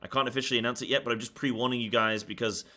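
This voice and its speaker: A man's voice: mid-range voice, fairly even intonation, very fast, sharp tone. A man streaming live, chatting casually with viewers in a rambling, slangy way and repeating his phrases. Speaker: live streamer and esports caster. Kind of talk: casual livestream chat with viewers.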